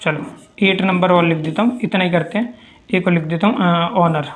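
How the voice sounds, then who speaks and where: A man's voice: sits high, steady tone, moderate pace, a little hiss or hum. A man teaching English grammar in a patient, repetitive way. He keeps quizzing his students and checking in with "okay?". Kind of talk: classroom lecture. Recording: echoey room.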